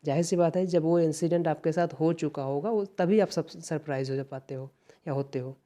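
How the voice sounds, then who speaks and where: A man's voice: fairly high pitch, a little fast, warm tone. A man with an Indian accent teaching an exam-prep English lesson, explaining patiently and repeating key phrases. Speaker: English teacher for competitive exams.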